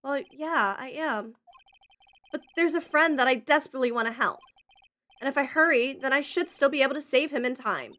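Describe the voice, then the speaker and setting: A woman's voice: sits high, fairly quick, sharp tone. A woman doing an eager young college guy. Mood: determined. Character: naive, earnest young male college student.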